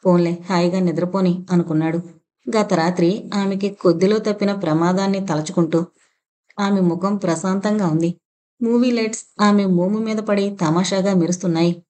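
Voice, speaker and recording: Woman, audio novel narrator, mellow voice, steady, measured pace. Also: on the low side. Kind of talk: scripted narration.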